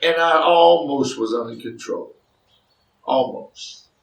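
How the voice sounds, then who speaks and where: Southern man from alabama, folksy storyteller, gravelly, roomy, far from the mic. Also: mid-range voice, slow. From Chambers County, Alabama, US. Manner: folksy, drawling, chuckling asides.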